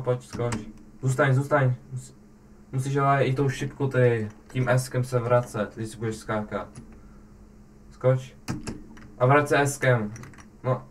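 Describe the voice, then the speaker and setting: A man hosting a casual gaming session, coaching a guest with urgent, rapidly repeated commands. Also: mid-range voice, slight background noise. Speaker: host guiding a guest through a game.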